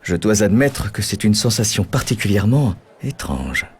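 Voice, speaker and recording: An actor playing a composed, polite professor detective, articulate and reserved, in an animated game. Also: male voice, on the low side, normal speed, husky, exaggerated voice. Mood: thoughtful. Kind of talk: animated game cutscene acting.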